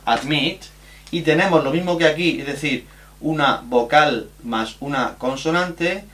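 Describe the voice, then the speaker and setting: Man, teacher, slow deliberate delivery, slightly higher voice, spells out examples. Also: fairly bright tone. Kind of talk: recorded grammar lesson.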